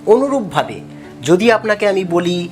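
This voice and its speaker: A woman from West Bengal who teaches English, speaking at a middle pitch that rises and falls a lot. She repeats key words and keeps asking whether the listener has followed. Soft music plays faintly behind her. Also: very animated, normal speed. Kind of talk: explaining a lesson.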